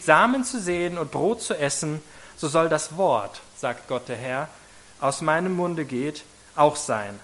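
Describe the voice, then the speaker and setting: A man preaching a sermon to a congregation, emphatic, often slowing down on key phrases and drawing listeners in with rhetorical questions. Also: a little high. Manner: emphatic, varying loudness, slows on key phrases, asks the congregation "oder?".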